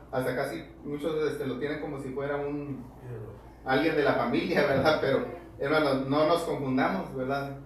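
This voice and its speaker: A man leading a church Bible study, reading verses and checking in with the congregation constantly. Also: a little high. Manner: keeps asking "verdad?", addresses the congregation as brothers, reads scripture aloud. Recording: echoey hall from far off, faint noise.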